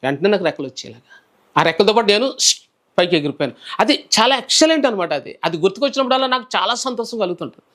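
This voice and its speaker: A man who is a preacher, telling his personal testimony in a calm, soft-spoken way during an interview. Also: high voice, rapid-fire.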